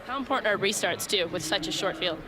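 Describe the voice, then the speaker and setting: A woman's voice: mid-range voice, animated, fast talker, crowd noise. A woman working as a motorsport pit reporter, delivering presentational broadcast reports and questions. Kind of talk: scripted broadcast reporting and interviewing. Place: outdoors at a racetrack. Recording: noisy outdoor trackside sound.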